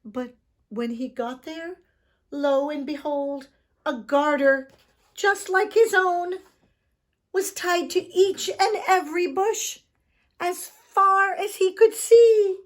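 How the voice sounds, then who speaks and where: A woman storyteller reads a children's book aloud with theatrical expressiveness, slipping in hushed asides to the listener. Her voice is very high and her pace slow.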